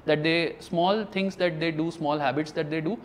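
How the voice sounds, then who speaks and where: A man's voice: fairly high pitch, steady tone, normal speed, a little hiss or hum. A man, a startup founder, giving earnest explanatory interview answers with some fillers.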